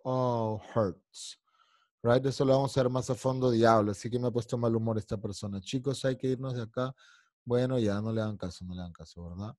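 A man's voice: medium pitch, a little mellow, no room sound, clean studio sound. Man teaching English over Spanish. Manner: explains in Spanish, sings and drills English lyrics; irritated, scolding a heckler. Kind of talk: online English class.

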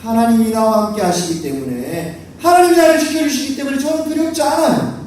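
A man's voice: extremely high pitch, fairly quick, darkish tone, slight background noise. A man voicing a brave young shepherd boy who speaks earnestly and eagerly. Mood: confident. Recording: echoey hall from far off.

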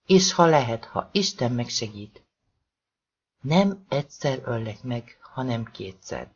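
A man voicing a brutal, menacing husband who hisses threats in the dark, in a storybook reading. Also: medium pitch, very animated, breathy edge, dull audio.

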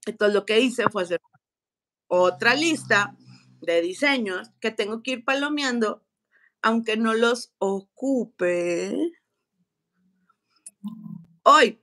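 A woman's voice: on the high side, animated, slow, pauses often, sharp tone. A young Mexican woman hosting a scrapbooking vlog, telling a story in slangy, casual talk. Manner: chatty, slangy, laughing as she tells stories. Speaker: scrapbook channel co-host.

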